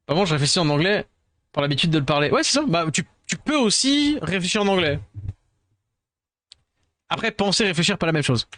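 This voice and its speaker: A man's voice: on the high side, a bit bright, no echo. A man from France, chatting casually with his viewers as a streamer, rambling and self-deprecating, tired, dropping English words into his talk.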